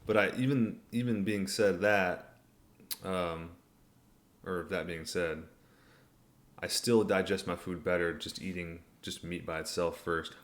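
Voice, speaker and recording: Low-pitched man, casual livestreamer. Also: fairly even intonation, measured pace. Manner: laid-back, colloquial, often says "man". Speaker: livestream host. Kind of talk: casual livestream Q&A, reading and answering viewer comments.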